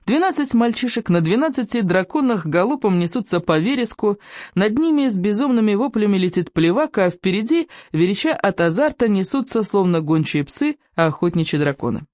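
An expressive reader narrating a children's adventure audiobook. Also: mid-range voice, fairly quick, no echo, clean studio sound. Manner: lively, expressive storytelling.

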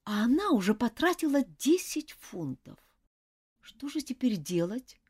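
Lady reading a kids story, swings all over in pitch, expressive. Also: unhurried, slightly rough. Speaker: narrator. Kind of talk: storybook narration.

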